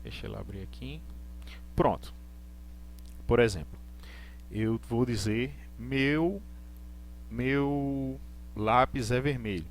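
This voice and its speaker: Patient teacher. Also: male voice, medium pitch, slight background noise. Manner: patient, repeats points, reads English examples slowly and deliberately. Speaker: English teacher. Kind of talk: live online class.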